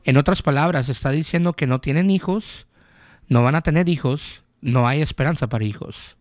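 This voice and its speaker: A man's voice: a little high, normal speed, darkish tone, no echo, clean studio sound. A male pastor giving a conversational sermon, asking the listeners questions and telling personal stories.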